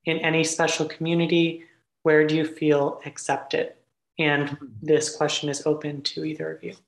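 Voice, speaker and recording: A woman running a bookstore's online event gives practical instructions in a plain way. Her voice is low and quite level. It is heard as roomy video call audio. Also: completely flat delivery, normal speed. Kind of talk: event moderation.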